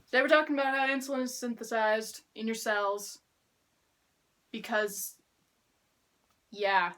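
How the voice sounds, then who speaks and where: A teenage girl talks through a school biology assignment in a casual, deadpan way, with sarcastic asides. Her voice sits slightly high. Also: a little slow, poor audio. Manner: wry, deadpan humor. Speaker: student making a class video. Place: kneeling on the ground drawing with chalk.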